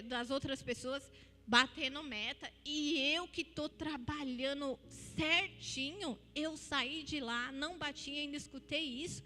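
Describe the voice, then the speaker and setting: High-voiced woman giving church testimony. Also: bright, forceful tone. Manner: earnest, emotional storytelling with repeated phrases. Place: church hall. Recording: long hall reverb with faint music.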